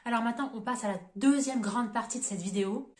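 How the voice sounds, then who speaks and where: A woman teaching English grammar in a YouTube lesson, explaining clearly and reading out English example sentences. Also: a little high, fast talker, a little mellow, echoey room.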